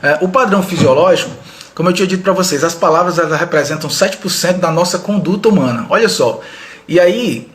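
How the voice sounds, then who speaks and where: A man's voice: sits high, fast. A man giving a live online leadership training, talking conversationally and addressing viewers directly with frequent tag questions. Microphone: video call style webcam mic.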